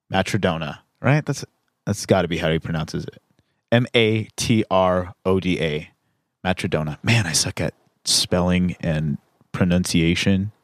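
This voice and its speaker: A man with a fairly low voice hosts a podcast in an easygoing, rambling way, full of ums and uhs. His voice is close and dry, with no room sound around it. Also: dry recording. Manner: loose and rambling, with many fillers. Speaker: podcast host. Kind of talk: casual podcast chat. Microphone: studio mic in a booth.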